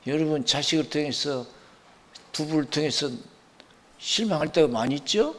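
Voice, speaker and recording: A man preaching a sermon as pastor, emphatic, swinging between loud outbursts and hushed asides. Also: fairly high pitch, expressive, normal speed. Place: church sanctuary. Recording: long reverb of a church hall.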